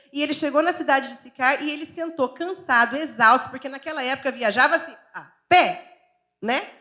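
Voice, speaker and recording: A Brazilian woman pastor preaching a sermon in a chatty, candid and expressive way, with a Brazilian accent. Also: high voice. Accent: Brazilian Portuguese. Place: church.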